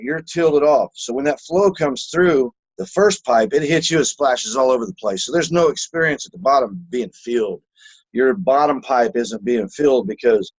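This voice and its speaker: A man's voice: mid-range voice, dry recording, poor audio. A man co-hosting a casual podcast, telling stories animatedly, acting out voices and swearing freely. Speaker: podcast co-host.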